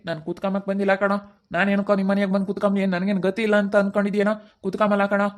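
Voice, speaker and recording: A man playing an angry middle-aged village father who scolds rapidly, speaking in an amateur family skit. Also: high-pitched, monotone, lightly acted. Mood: threatening. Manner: scolding, threatening, rapid outbursts.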